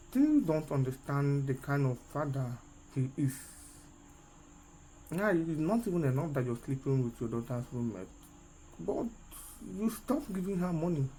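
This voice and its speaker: A man's voice: fairly high pitch, mellow, rough recording. A man giving emphatic, repetitive reaction commentary to viewers. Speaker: video commentator. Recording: faint noise with chirping insects.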